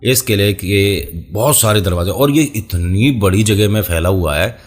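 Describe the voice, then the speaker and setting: A man with a lowish voice tells spooky stories in a loose, chatty way. He talks straight to the listener and keeps breaking off into playful asides. Faint music sits behind him. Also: measured pace. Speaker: storyteller and channel host. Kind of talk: casual horror storytelling podcast.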